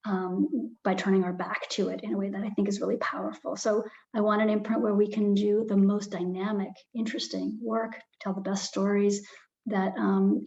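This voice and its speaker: A woman's voice: mid-range voice, darkish tone. A woman publisher speaking on a panel, thoughtful, with frequent ums and restarts. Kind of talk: panel talk. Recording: slightly dull lo-fi sound.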